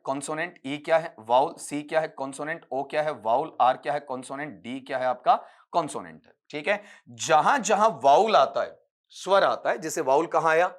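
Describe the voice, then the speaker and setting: Male teacher, slightly high voice. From India. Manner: patient, explains step by step, calls students "beta"; drags out words slowly to show how they sound. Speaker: English teacher. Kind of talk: exam-prep lecture.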